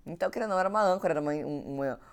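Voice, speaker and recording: A woman's voice: low-pitched, very fast, gravelly. A young woman from Brazil with a cold, chatting casually with viewers on a live stream and greeting them by name. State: has a cold. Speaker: nutritionist hosting an Instagram live. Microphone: home recording setup.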